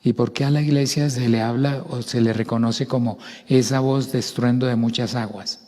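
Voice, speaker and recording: An older man with a Bogotá accent preaching a sermon, expressive, acting out voices and shouts. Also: mid-range voice, normal speed, big-room sound. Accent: Colombian, Bogotá.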